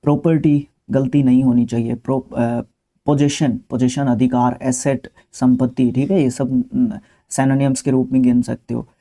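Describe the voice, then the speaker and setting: A man with an Indian accent walks students through English spelling words, talking to them directly in a relaxed, conversational way. His voice is very dark and mellow, sitting at an ordinary middle pitch, and it is full of easygoing fillers and side remarks. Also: normal speed. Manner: conversational, with frequent fillers and asides; patient, speaks to students directly. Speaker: English vocabulary teacher. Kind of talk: explaining a spelling lesson.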